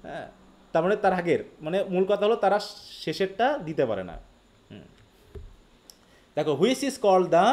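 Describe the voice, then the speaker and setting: A man with a Bangladeshi accent teaching a live online literature class. He explains quickly, reads English passages slowly and keeps asking his students questions. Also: high voice. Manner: quick Bengali explanation, slow read-aloud English quotes, frequent questions to students.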